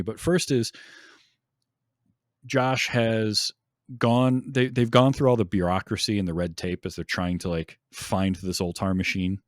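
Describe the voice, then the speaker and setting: A man's voice: deep voice, dry recording, studio quality. A man hosting a podcast, chatting casually and enthusiastically about a film with many ums. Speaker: podcast host.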